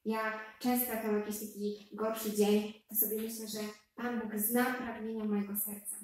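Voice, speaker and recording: Animated woman telling a story, echoey hall. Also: mid-range voice, normal speed. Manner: animated, addresses listeners directly, with fillers. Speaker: speaker giving a faith testimony. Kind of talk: lively storytelling talk to an audience.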